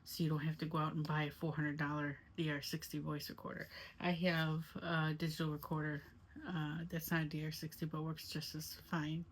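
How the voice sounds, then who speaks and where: A woman's voice: low voice, little pitch movement, a little fast, a little hiss or hum. A woman giving a casual, rambling first-person recap as an amateur paranormal investigator vlogger. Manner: rambling, conversational.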